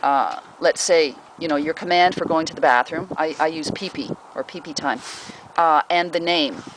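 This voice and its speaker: Puppy training advice comes from a pet owner speaking at a moderate pace in a mid-range voice, recorded noisily at home. It's a rambling, filler-heavy chat, often interrupted as the owner turns to speak to the pets.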